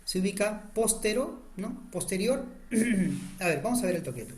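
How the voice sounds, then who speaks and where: A man's voice: high voice, animated, unhurried. A man teaching an anatomy lecture, quizzing the students and answering his own questions, urging them to pay attention. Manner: urgent, repeatedly asks students to pay attention. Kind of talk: online lecture drawing on a diagram.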